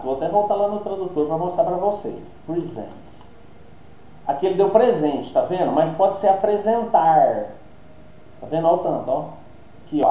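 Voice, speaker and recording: A man's voice: sits high, mellow. A man with a Brazilian accent teaching an online English class, explaining pronunciation and checking in with tag questions. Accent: Brazilian Portuguese. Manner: explanatory, thinking aloud with many tag questions. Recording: roomy, dull lo-fi sound with faint hiss.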